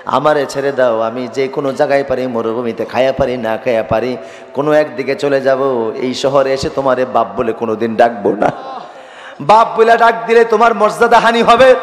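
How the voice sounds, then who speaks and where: A frightened little girl, about four, pleads through tears in a high, strained voice, as a preacher acts her out. The sound carries a long, echoing reverb, as if in a big hall. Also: a little fast, natural voice. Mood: tearful. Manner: high crying plea, repeating calls for her father.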